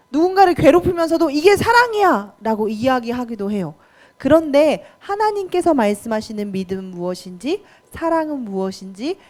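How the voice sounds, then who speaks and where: A woman's voice: high-pitched, darkish tone. A young woman preacher giving a children's sermon in a church, talking to the kids with questions and quizzes. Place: church children's worship room.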